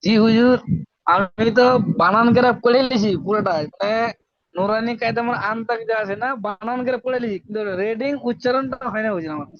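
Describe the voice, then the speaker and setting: A man's voice: very high voice, quick pace, dry recording. Male student on a call, hesitant and deferential, muffled lo-fi audio, dry. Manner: hesitant, deferential, adds fillers. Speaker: student asking a question. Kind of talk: live class question via call.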